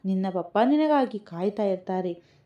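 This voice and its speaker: A woman's voice: medium pitch, animated, measured pace, dull audio, natural voice. A woman reading as a tender, eager young husband. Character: loving emotional young husband and father.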